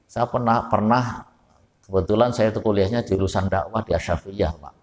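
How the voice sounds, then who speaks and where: In a mosque hall, a Javanese man from Java delivers a folksy study sermon, frequently posing questions to the congregation. His fairly low voice moves at a moderate pace and echoes like a large hall.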